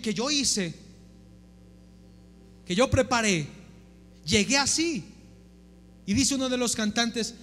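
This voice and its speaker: Male pastor, very high and forceful voice, sermon full of rhetorical questions, echoey church hall with soft music. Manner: preaching with repeated rhetorical questions to the congregation. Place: church sanctuary.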